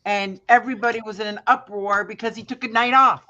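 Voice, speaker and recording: A woman's voice: on the high side, steady tone, fairly quick, dull audio, background noise. A woman in casual live chat, talking along in an agreeable way.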